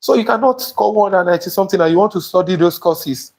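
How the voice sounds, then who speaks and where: A young Nigerian admissions tutor with a higher-pitched, slightly mellow voice teaches fast and emphatically in a live stream, repeatedly checking in with his viewers. He wears a small lapel mic in an indoor studio in front of a printed banner.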